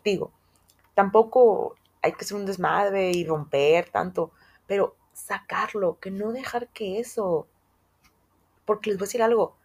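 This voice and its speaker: Slangy, husky young Mexican woman. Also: a little high. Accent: Mexican Spanish. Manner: slangy, emphatic, candid. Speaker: podcast host. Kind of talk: casual monologue.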